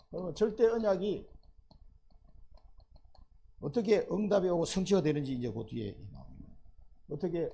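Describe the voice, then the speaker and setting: A male pastor preaching a lively sermon at a church service, often asking the congregation rhetorical questions. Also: high-pitched, vocal fry.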